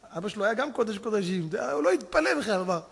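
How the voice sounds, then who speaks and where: A man, a rabbi, telling stories in a sermon, swinging from hushed tones to impassioned shouting. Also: sits high, very animated, husky. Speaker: rabbi preacher. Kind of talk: storytelling sermon. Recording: long hall reverb.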